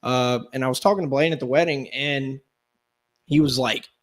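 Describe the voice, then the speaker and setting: A man hosting a casual sports podcast, upbeat and talking in quick bursts. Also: mid-range voice. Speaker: podcast host.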